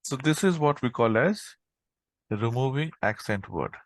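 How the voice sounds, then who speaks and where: Guy walking through code on a call, gravelly voice, dry close sound, keeps saying okay. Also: medium pitch, expressive, measured pace, no room sound. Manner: explains step by step, frequent "okay" and "right?". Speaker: instructor. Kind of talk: live coding tutorial. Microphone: online call.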